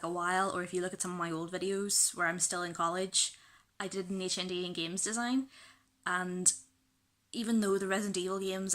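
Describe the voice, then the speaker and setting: A young Northern Irish woman chatting to a camera set on a shelf in her bedroom. Her voice is croaky because she has just woken up. She rambles and keeps interrupting herself. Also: medium pitch, a bit bright. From Northern Ireland. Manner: rambling, self-interrupting, laughs often. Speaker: vlogger. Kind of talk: casual rambling chat. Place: bedroom, indoors, rain outside.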